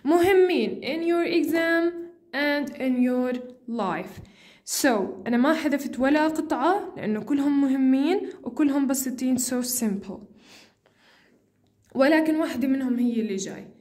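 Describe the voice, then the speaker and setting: A woman teacher reviewing for an exam, speaking slow, repetitive English and switching to quick asides. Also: high-pitched, darkish tone.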